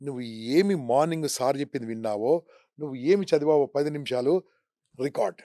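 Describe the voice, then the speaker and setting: Fast-talking animated man. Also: mid-range voice, dry recording, clean studio sound. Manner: animated, rhetorical questions, mixes English. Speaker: career trainer. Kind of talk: interview, motivational advice.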